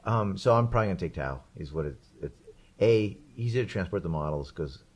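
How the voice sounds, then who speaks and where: Low-voiced male podcast co-host, rambling animated storyteller, casual. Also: fairly quick, breathy edge. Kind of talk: casual chat.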